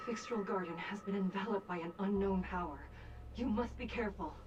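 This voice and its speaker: A woman's voice: mid-range voice, fairly quick, lo-fi sound, lightly acted. Woman playing a formal, commanding lady judge, noisy background. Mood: solemn, urgent. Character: stern, formal woman judge, sometimes a coaxing impostor. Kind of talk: video game voice acting.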